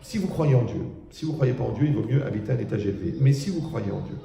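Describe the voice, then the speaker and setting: A man's voice: fast talker, creaky. A man, a rabbi, giving a humorous religious talk to an audience, telling anecdotes and imitating the people in them. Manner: animated storytelling, mimics people with raised pitch. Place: lecture hall with a live audience. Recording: echoey hall.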